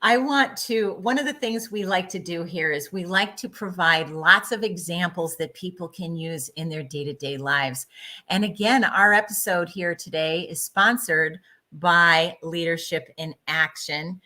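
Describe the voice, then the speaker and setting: Bright-voiced woman hosting an interview. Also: on the low side, measured pace. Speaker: host. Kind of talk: casual interview chat.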